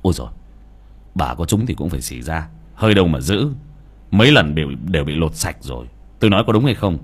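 A greedy grown son who fawns and stammers over his words, in a husky male voice, voiced by the narrator himself. His pitch swings widely as he talks. He comes from a read-aloud storybook. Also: sing-song, fast, exaggerated voice. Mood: grumbling. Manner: fawning, stammering. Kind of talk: audiobook character voice.

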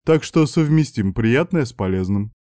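A man's voice: medium pitch, animated, moderate pace, warm tone, no room sound, clean studio sound, close to an everyday voice. A man voicing a bossy, teasing young woman student in a read-aloud story, with a pushy, mocking manner.

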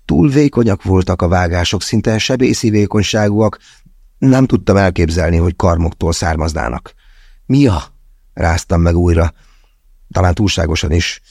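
A man narrating a first-person thriller audiobook in a measured, tense way with slow, deliberate pauses. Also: sits low, darkish tone, breathy edge, no room sound, clean studio sound.

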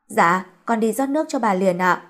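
A woman voicing a meek young servant girl who answers softly, pleading and apologizing. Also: mid-range voice, animated, moderate pace, close to an everyday voice.

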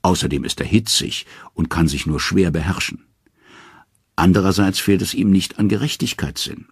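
A man narrating a myth as an audiobook in an expressive, dramatic storytelling manner. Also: sits low, gravelly, breathy edge, dry recording, clean studio sound.

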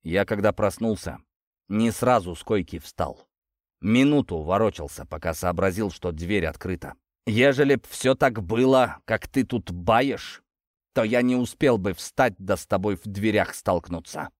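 A man voicing a gruff, skeptical middle-aged male foreman with folksy speech. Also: on the low side, a little slow, no room sound, clean studio sound, lightly acted.

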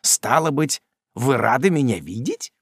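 A man reading a storybook, voicing a brash, bullying young manservant who shouts mocking threats in a loud, raised voice. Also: medium pitch, very animated, unhurried, breathy edge, no echo, studio quality, heavily acted.

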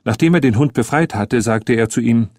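A man narrating a story with a steady, measured reading on a close studio mic. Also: mid-range voice, no room sound. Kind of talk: scripted narration.

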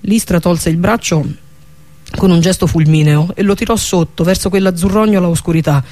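A man narrating a fantasy audiobook with a steady, even reading manner. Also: high-pitched, moderate pace. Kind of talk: scripted narration of a fantasy novel.

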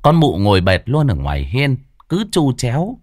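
Lively storyteller man. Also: mid-range voice, moderate pace, dry recording, clean studio sound. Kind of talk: comic ghost story narration.

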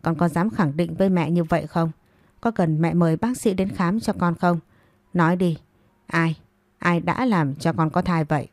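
A woman's voice: fairly low pitch, normal speed, a little mellow, no room sound, studio quality, lightly acted. A woman voicing a stern, anxious middle-aged mother who questions her daughter insistently.

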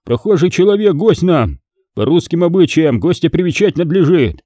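A man voicing a burly, good-natured village blacksmith who booms and placates. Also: expressive, moderate pace, dark tone, dry recording, studio quality. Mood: placating. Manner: booming, placating.

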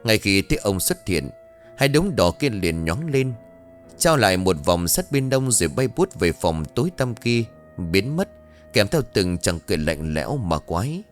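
A man's voice: lowish voice, big pitch swings, moderate pace. A man narrating a horror ghost story in a dramatic, suspenseful way. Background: faint music.

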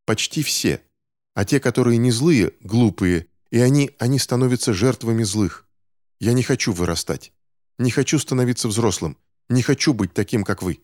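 A man's voice: mid-range voice, moderate pace, a little mellow, no room sound, studio quality, pitched above the performer's own voice, close to an everyday voice. A man voicing an angry, distrustful boy. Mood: angry, accusing. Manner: heated, accusing, insistent. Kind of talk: audiobook character voice.

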